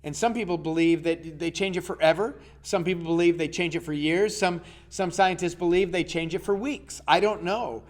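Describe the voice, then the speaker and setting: Speaking at a moderate pace with few pauses, a high-pitched man coaches a casual health lesson. He chats with his listeners and keeps asking them questions.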